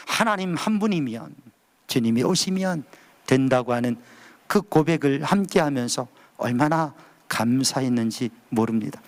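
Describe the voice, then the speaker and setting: A man in his fifties preaching earnestly at a dawn prayer service, swinging between high emphatic calls and low hushed phrases. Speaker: pastor.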